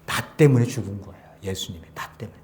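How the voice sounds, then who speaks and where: A man preaching a sermon as pastor, swinging between loud exhortation and hushed, near-whispered lines, often putting rhetorical questions to the congregation. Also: on the low side, fast.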